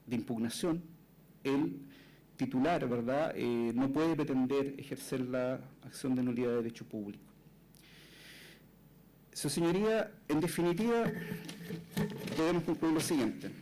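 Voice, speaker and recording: A man, a lawyer making a formal oral argument before a court, measured, often tagging his phrases with a questioning "right?". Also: on the high side, dark tone, low-quality recording.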